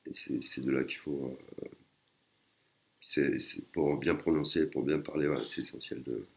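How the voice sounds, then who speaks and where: A man with a very deep, gravelly voice teaches in a relaxed, hesitant way and keeps restarting his sentences. He explains each point patiently and adds little tag words as he goes. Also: measured pace. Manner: hesitant, many fillers and restarts. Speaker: language teacher. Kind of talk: casual screen-recorded lesson.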